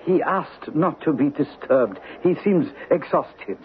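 An obliging European concierge in a vintage radio play. His fairly high voice swoops up and down with formal deference, heard through a tinny old recording. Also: animated, slow pace, a little hiss or hum. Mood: evasive, deferential. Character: obliging, smooth-mannered European male hotel concierge. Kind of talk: old radio drama acting.

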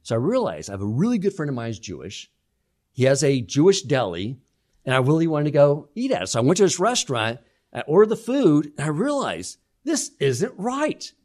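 A man's voice: a little high, huge pitch swings, fairly quick, darkish tone. Guy telling a story on a podcast roundtable, voice all over the place, acting out the dialogue. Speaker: guest speaker.

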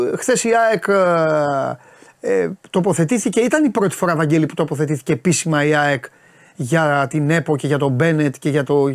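A man hosting a casual talk show, bantering and teasing his guests and asking viewers to send in chat messages. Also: fairly high pitch. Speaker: host.

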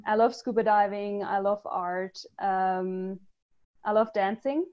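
A woman's voice: medium pitch, steady tone, takes it slowly, highs cut off. A woman from Germany, a guest on a podcast interview, talking thoughtfully with many ums and restarts. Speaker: guest, user research lead.

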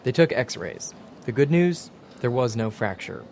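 A man's voice: mid-range voice, sing-song, a little slow, darkish tone, a little hiss or hum. A man in his forties narrating a reported documentary podcast in a dry, wry storytelling manner.

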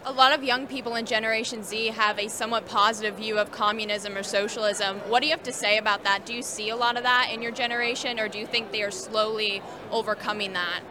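A woman field reporter asking interview questions outdoors at a convention, in an upbeat, clear manner. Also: a little high, fairly even intonation, fast, few pauses, crowd noise. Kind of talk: street interviews.

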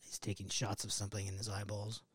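A man co-hosting a podcast, telling a story in a casual, animated way, swearing freely and acting out his own panic. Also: on the low side, quick pace, breathy edge, dry recording. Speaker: podcast co-host.

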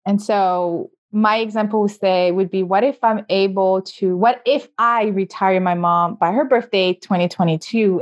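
A woman hosting a podcast interview, chatty and full of fillers and restarts. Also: mid-range voice. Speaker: podcast host. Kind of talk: casual interview chat.

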